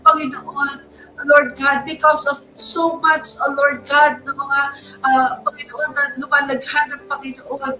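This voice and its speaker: A woman with a Filipino accent leads a fervent intercessory prayer in a high voice. She calls out "Lord God" again and again between her phrases. She sounds set back from the microphone, with music playing clearly under her. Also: little pitch movement, unhurried, pushed and bright. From Philippines. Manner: repeats "Lord God" between phrases, mixes two languages. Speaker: prayer leader. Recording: distant mic with music underneath.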